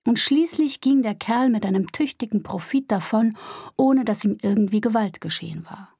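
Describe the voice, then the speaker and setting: A woman narrating a story aloud in a calm, measured way. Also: fairly high pitch, husky, no echo, studio quality. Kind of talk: scripted audiobook narration.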